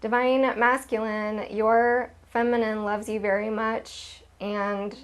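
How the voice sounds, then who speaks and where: Lady doing a tarot reading, kinda high voice, slow and gentle, soothing. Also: little pitch movement. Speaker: tarot reader. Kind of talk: spiritual card reading.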